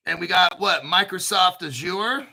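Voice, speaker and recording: A man hosting an informal crypto commentary, talking through articles in an excitable, sarcastic way, swearing and often clearing his throat. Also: high voice, a little slow, poor audio. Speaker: crypto video host.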